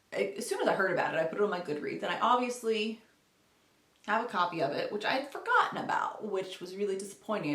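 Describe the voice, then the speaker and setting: In a roomy home setting with noticeable echo, a woman with a mid-range, slightly bright voice chats about books to camera. Her talk is loose and rambling, with frequent self-corrections.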